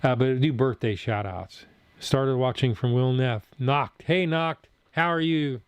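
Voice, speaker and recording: On his food channel's live stream, a man in his sixties from Southern Ohio talks casually with viewers, answering their comments as he reads them aloud in a rambling, chatty way. His mid-range voice moves at a measured pace, clean-toned with no room sound.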